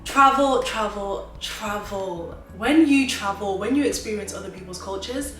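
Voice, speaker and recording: A woman's voice: mid-range voice, a little slow, fairly bright tone, recorded from a distance. A woman in her twenties, originally from Zimbabwe, giving emphatic, motivational life advice straight to her viewers in a chatty vlog. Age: 20s. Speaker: vlogger. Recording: roomy echo, mic set back, faint music.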